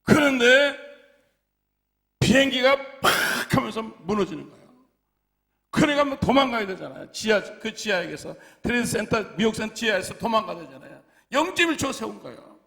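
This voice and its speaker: A male pastor delivers a storytelling sermon in a fairly high voice that rises and falls dramatically. His tone is gravelly, and his loudness swings widely as he tells his stories. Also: very animated, moderate pace. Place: church.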